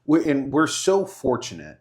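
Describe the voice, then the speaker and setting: A man from Southern California hosting a podcast, chatty and animated, telling stories and laughing often. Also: medium pitch, unhurried. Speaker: podcast host. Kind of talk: casual interview chat.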